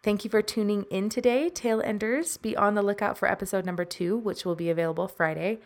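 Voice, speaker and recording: A woman hosting a podcast, narrating a short story in a measured way and signing off in a friendly tone. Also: medium pitch. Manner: even, measured reading with a friendly sign-off. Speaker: podcast host and story reader.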